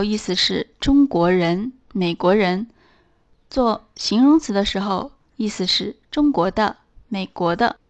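Woman, mid pitch, patient beginner-lesson teacher; slows down for model phrases and spelled-out words; close, dry recording. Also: no room sound. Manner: slow, careful model sentences. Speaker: English teacher.

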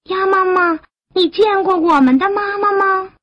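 A woman voicing a crowd of eager little tadpole children who call out in high, squealing voices, from a storybook. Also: measured pace, dry recording, muffled recording. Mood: curious.

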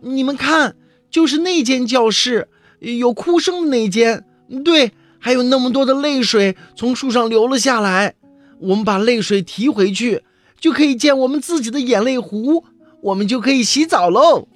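A man voicing an eager little male fairy in a storybook, calling out brightly. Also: very high voice, moderate pace, no room sound, faint music behind, pitched above the performer's own voice. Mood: excited.

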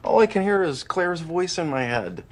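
An actor speaking in a chatty, self-amused sitcom monologue. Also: male voice, on the high side, expressive, normal speed, lightly acted. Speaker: sitcom dad character. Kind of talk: sitcom dialogue.

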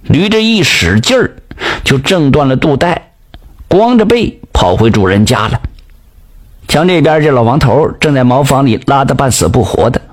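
Animated Northeastern folk storyteller man. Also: medium pitch, moderate pace. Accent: Northeastern Mandarin. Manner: lively, colloquial, animated telling.

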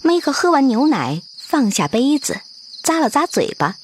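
A woman narrator presenting a children's fairy tale in expressive, scripted storytelling. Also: sits high, moderate pace, a little hiss or hum.

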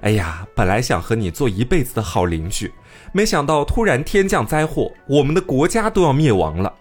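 A man's voice: mid-range voice, sing-song, husky, soft background music. A man voicing a despairing king who weeps over his doomed country in a folk tale. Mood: mournful. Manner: slow, mournful. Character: despairing old king, tearful.

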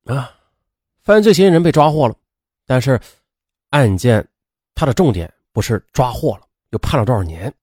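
Animated male true-crime storyteller, close dry sound. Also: mid-range voice, husky, no room sound. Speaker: narrator of a true crime audio program. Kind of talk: lively spoken storytelling narration with conversational asides.

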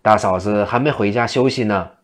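A playful, eccentric trickster monk , as a man puts him on teases with mock timidity in a storybook tale. The voice is low and only lightly changed from the narrator's own. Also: brisk, natural voice. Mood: teasing.

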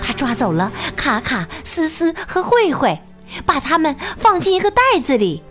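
A woman teacher reading a children's picture book aloud, expressive and sing-song with plenty of exclamations. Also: sits high, moderate pace, faint music behind. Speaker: storyteller teacher.

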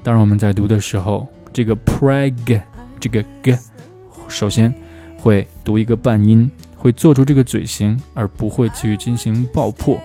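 A man teaching English pronunciation, who slows down to drill phrases again and again. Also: on the low side, fairly even intonation, dark tone, soft background music. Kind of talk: spoken language lesson.

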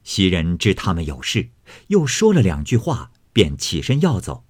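A man reading a classic novel aloud as an expressive storyteller. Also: low-pitched, moderate pace, slightly rough, no echo, studio quality.

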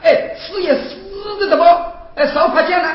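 A woman's voice: very high-pitched, fairly quick. A woman with a Hunan accent playing a cheeky male Taoist priest in flower-drum opera, chanting and teasing in a sing-song way. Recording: roomy, dull stage recording with faint music.

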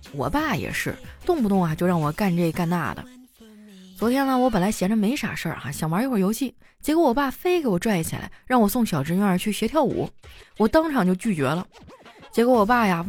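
A young woman comedian telling funny anecdotes in a chatty, animated stand-up style. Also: medium pitch. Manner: animated storytelling, chatty filler particles.

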